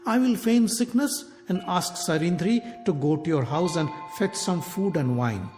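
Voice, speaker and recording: Guy doing a scheming queen, soft and coaxing, slow. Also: high-pitched, lively intonation, in a large hall, over music, voice pushed up.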